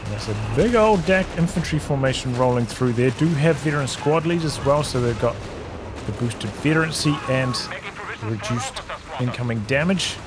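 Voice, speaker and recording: A man giving relaxed, analytical play-by-play commentary on a strategy game replay, thinking aloud as the match unfolds. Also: mid-range voice, normal speed, over music. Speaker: game caster. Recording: game battle sounds over the voice. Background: game gunfire and artillery.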